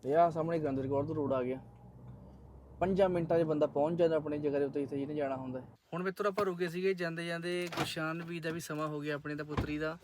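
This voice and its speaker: Fast-talking Punjabi man vlogging. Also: on the high side, steady tone, a little mellow, a little hiss or hum. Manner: chatty, addresses viewers as friends. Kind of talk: casual vlog narration to viewers.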